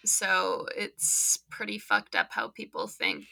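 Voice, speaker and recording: A woman's voice: a bass voice, wildly swooping pitch, slow, creaky, bright, forceful tone. A woman podcast co-host in casual chat, candid and swearing freely.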